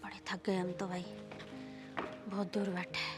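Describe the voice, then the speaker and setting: A woman as a high, sharp-tongued village mother. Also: animated, moderate pace, faint music behind. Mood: weary. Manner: scolding, earthy village speech.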